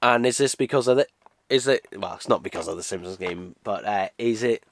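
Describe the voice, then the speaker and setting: Speaking a little fast in a voice on the low side, a British man in his twenties with a cold sounds nasal. He rambles through a casual game unboxing review full of uhs and restarts, with a little hiss or hum in the recording.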